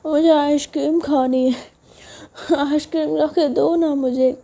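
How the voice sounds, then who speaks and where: A woman voicing a drunk young woman who whines and pleads in a high voice. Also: steady tone, measured pace, creaky. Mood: whining. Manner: pleading, whining, shouting.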